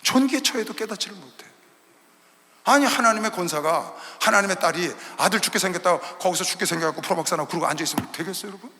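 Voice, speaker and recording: A man preaching an impassioned sermon as a pastor, dropping to hushed storytelling and then rising to loud shouts. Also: high voice, fast talker. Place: large arena hall. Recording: reverberant arena hall.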